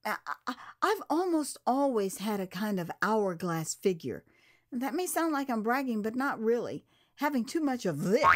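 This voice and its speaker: In a mid-range voice, a woman from the US narrates her own life story as an audio drama, relishing every word with theatrical expression.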